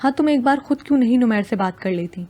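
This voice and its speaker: A woman voicing a gentle, supportive young male friend who talks in a coaxing, reassuring way. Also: a little high, expressive, lightly acted.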